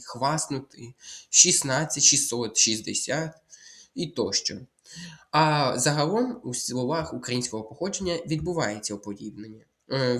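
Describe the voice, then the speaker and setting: A male tutor at a mid-range pitch walks through exam questions at an unhurried pace. He repeats each word and sounds out letters one by one. He keeps telling the listener which rules to memorize. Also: a bit bright. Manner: slow, deliberate, repeats words and spells out letters. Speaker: Ukrainian language tutor. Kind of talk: exam walkthrough lesson.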